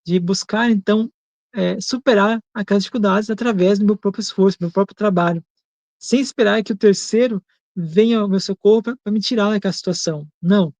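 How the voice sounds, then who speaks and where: Measured man reflecting, dry close sound. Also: sits high, a little mellow, no echo. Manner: measured and thoughtful, repeats and restates his points. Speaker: co-host of a Spiritist program. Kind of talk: reflective teaching talk.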